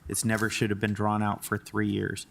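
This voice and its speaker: A man speaks at a town commission meeting with a low, gravelly voice. He keeps his pitch flat. He makes his case bluntly and emphatically. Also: moderate pace. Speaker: town commissioner, former mayor. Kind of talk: meeting debate.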